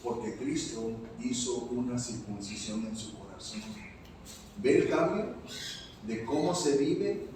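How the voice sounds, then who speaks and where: A man's voice: medium pitch, slow, noisy background. A man from Mexico, a pastor preaching a sermon, telling a personal story and calling the congregation brothers. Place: church hall. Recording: echoey church hall from far off.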